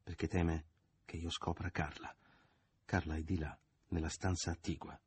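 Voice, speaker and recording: A man's voice: flat delivery, moderate pace, darkish tone, breathy edge. A man voicing a defiant sullen young man. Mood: brooding. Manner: tense, defiant, sometimes low and brooding.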